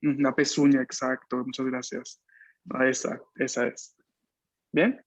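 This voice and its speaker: This mid-range, level-toned man is patiently teaching Italian in Spanish online, echoing his students' answers, explaining at a slow pace, and tossing in frequent tag questions. The lo-fi video call audio carries no room sound.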